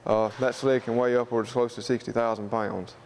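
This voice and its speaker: Speaking in a Southern US accent, a student club president gives an informal interview, explaining things in a plain-spoken, folksy manner. His medium-pitched voice moves little in pitch, runs at a moderate pace, and sounds slightly mellow, with a faint hiss or hum in the background.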